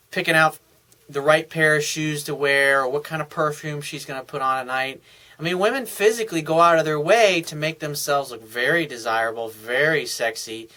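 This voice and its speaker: A man with a slightly high, bright and forceful voice talks through dating advice in a loose, rambling way. He sounds worn out but keeps pushing on, stopping and restarting his sentences. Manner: loose, conversational, with many fillers and restarts. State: tired. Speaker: dating coach. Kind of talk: casual advice monologue.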